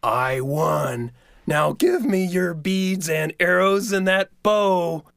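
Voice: medium pitch, expressive, slow, vocal fry, no room sound, studio quality, voice pushed up, full character voice. Storyteller playing a cackling trickster coyote. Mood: gloating. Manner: loud, gloating, cackling. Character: boastful, greedy trickster coyote, male. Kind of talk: oral storytelling.

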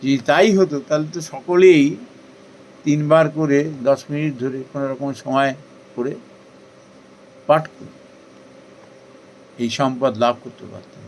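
A man giving a devotional talk in an earnest, persuasive way, asking questions and then answering them himself, with rising emphasis that softens again. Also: fairly high pitch, fairly even intonation, a little slow, long pauses, a little hiss or hum, rough recording. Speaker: spiritual speaker. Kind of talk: devotional discourse.

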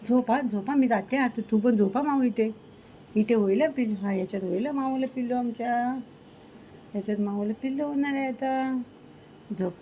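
A woman's voice: on the high side, normal speed, pauses often, mellow, a little hiss or hum, low-quality recording. A woman fussing over her cat and talking to it, in a casual home vlog at night. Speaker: vlogger caring for a pregnant cat.

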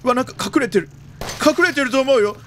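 A man doing jumpy let's-play commentary of a horror game, often repeating exclamations quickly and using old-man turns of phrase. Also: extremely high pitch, a bit bright, slight background noise. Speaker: video game streamer.

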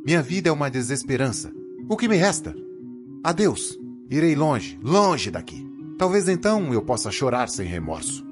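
A man's voice: medium pitch, very animated, normal speed, lightly acted. A man playing a desperate young lover, pleading in a rising, impassioned voice over background music.

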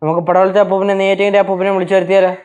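A man playing a rapid worried young son. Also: high voice, level tone, darkish tone, smooth, dull audio, close to an everyday voice. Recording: TV sitcom with music underneath.

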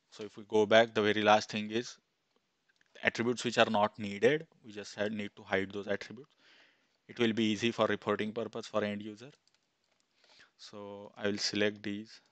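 A man in his thirties, an instructor, talking step by step through a screen-recorded software tutorial on a headset mic, with fillers as he goes. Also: on the low side, dry recording. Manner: plain step-by-step, thinking aloud with fillers. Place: small room indoors.

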